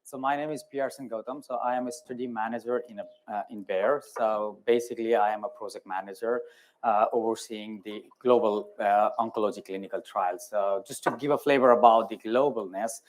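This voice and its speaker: Measured man from Nepal on a panel. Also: fairly low pitch, fairly even intonation. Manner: measured, explanatory, with frequent "uh" and "so". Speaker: clinical study manager on a panel. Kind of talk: conference panel talk.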